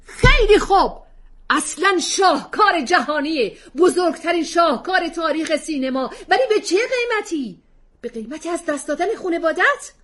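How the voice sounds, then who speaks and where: A woman reading a story aloud, voicing an angry middle-aged father who shouts at his wife at dinner. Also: sits high, lively intonation, voice pushed up.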